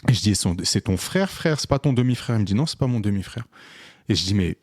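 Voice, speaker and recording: Low-voiced man telling a story. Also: fast, no room sound, studio quality. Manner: animated, re-enacts dialogue with many fillers. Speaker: podcast co-host, photographer. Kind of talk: casual storytelling chat.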